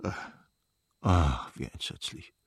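A man voicing a remorseful, helpless nobleman who speaks in soft, pleading tones. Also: deep voice, big pitch swings, measured pace, slightly rough, dry recording, voice pushed down, heavily acted. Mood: dismayed, pleading.

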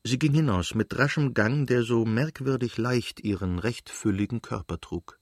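A man narrating a classic novel as an audiobook in a measured, literary reading. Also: mid-range voice, a little mellow, no echo, studio quality.

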